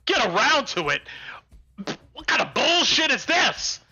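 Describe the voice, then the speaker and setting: A man voicing a gruff, sly, demanding crime boss who swears and bullies in a tabletop game. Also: high-pitched, very animated, moderate pace, pushed and bright, muffled recording, voice pushed up, exaggerated voice. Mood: indignant, bullying. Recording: music behind the voice.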